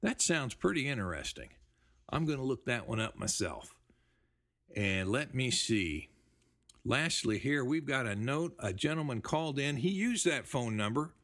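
A man's voice: medium pitch, moderate pace. Easygoing man reading listener mail. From United States. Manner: relaxed, rambling, with fillers and restarts. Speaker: podcast host.

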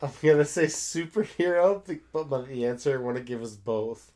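A man's voice: mid-range voice, moderate pace, warm tone. A young man guessing answers in a casual podcast quiz, joking and acting mock-indignant when he gets them wrong. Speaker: podcast co-host and quiz contestant. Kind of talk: casual chat.

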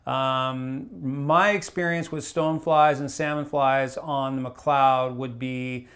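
In a small wood-paneled room, a fly shop's fishing reporter, a man in his forties, talks slowly to camera in a medium pitch. His casual report is relaxed and rambling, peppered with fillers and restarts.

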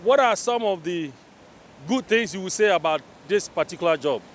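A chatty interviewer with a Ghanaian accent speaks in a high-pitched voice. He holds a handheld mic outdoors by the sea, with faint traffic noise behind him. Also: lively intonation, normal speed. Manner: chatty, switches between English and Twi. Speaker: interviewer host. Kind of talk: casual interview.

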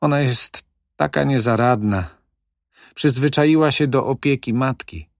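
A man voicing an anxious, fretful old woman in an audiobook, speaking in a soft, pleading way and pitching his voice up. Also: measured pace, gravelly, no echo, clean studio sound.

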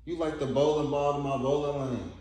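A man's voice: a little high, fairly even intonation, fairly quick, warm tone. A young man talking in slangy, informal chat and rehearsed skit lines. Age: young adult. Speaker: skit performer. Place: indoor living room, on a couch. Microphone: phone camera a few feet away. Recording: echoey living room, music behind.

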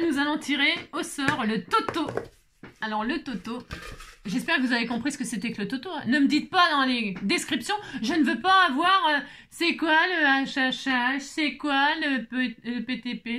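A woman from France chats away to her crafting viewers, rambling and teasing herself as she goes. Her voice is bright and forward and sits a little high, and she slips into humming and bits of song now and then. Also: expressive, moderate pace. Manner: chatty, rambling, self-mocking, hums and sings snatches. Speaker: craft channel host. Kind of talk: casual chat to viewers.

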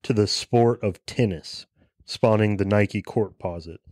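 Man, podcast co-host, lowish voice, dry close sound, calm low-key reading. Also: measured pace, no echo. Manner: calm, low-key, reads notes aloud. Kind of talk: casual chat, reading sneaker background.

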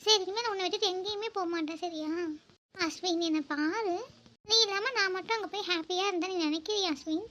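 Woman doing a very high, quick cartoon girl. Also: fairly bright tone. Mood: pleading. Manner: emotional, pleading. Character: young woman student in love, earnest. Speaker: narrator and lead character. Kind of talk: cartoon voice acting.

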